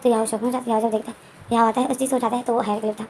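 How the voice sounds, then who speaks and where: Rapid rambling woman retelling a story. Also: fairly high pitch, little pitch movement, a little mellow, slight background noise. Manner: rambling, repeats herself and restarts. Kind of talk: casual retelling of a fan story.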